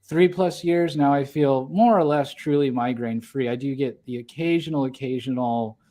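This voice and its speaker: A man's voice: mid-range voice, normal speed, warm tone. A man co-hosting a casual livestream podcast, talking in a rambling way with many fillers and restarts. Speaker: podcast co-host.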